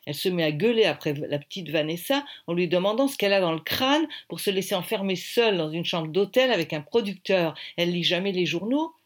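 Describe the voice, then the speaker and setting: A woman narrating an audiobook in a lively, wry way. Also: on the low side, brisk, few pauses.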